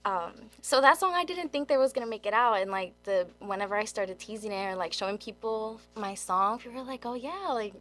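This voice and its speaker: A woman in her twenties, a military child raised in Germany and South Korea, chats casually as an interview guest and says "like" constantly. Her voice is on the high side and a bit bright, with lively intonation, and she talks fairly quickly with hardly any pauses.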